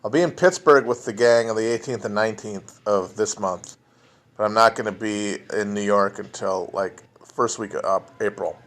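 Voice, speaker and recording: This man's voice is lowish with a fairly bright tone and an ordinary pace. He's a podcast host by himself at home on a phone or computer, chatting loosely to a livestream audience, cursing, starting over, and drifting into side remarks.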